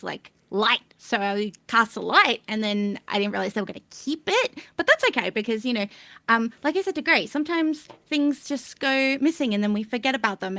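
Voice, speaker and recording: A woman voicing a cheerful, scatterbrained young spellcaster who rambles brightly. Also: a little high, dry recording. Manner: rambling, bubbly.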